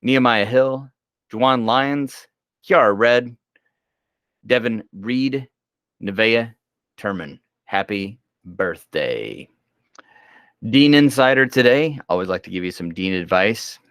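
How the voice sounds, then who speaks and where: A man's voice: medium pitch, expressive, takes it slowly, long pauses, a bit bright, clean tone, no room sound, clean studio sound. A man hosting casual school homeroom news, chatty and joking, sleepy and yawning as he reads announcements.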